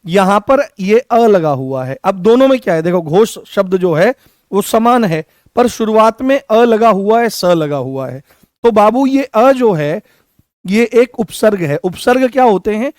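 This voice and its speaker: A man's voice: high voice, expressive, measured pace, no room sound, studio quality. A man teaching an online exam-prep class, repeating key phrases and coaxing his students with affectionate names.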